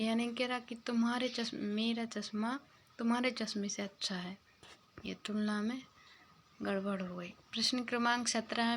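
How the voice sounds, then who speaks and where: A woman's voice: on the high side, fairly bright tone, slight background noise. A woman teacher working through exam questions, reading each one out and then explaining the answer. Some of her answers are half-whispered.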